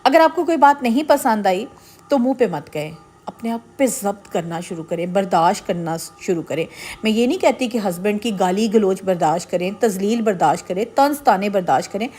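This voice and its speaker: A woman's voice: medium pitch, expressive, a little mellow. A middle-aged woman giving earnest, persuasive marriage advice straight to her viewers in a casual vlog. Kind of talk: casual advice talk to camera.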